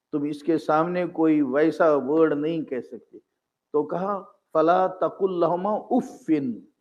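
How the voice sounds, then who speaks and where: An older man giving an earnest sermon in a mosque, explaining his points patiently and reciting Arabic phrases between them. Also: a little high. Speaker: Islamic scholar and preacher. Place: mosque gathering. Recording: dull, muffled lo-fi recording.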